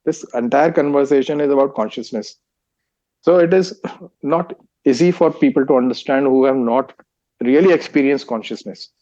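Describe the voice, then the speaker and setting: A guest who is an author and meditation teacher, a Hindi-speaking man from India with an Indian accent, answers interview questions haltingly, with frequent restarts and fillers. His medium-pitched voice is mellow, and the audio has no echo but its highs are cut off.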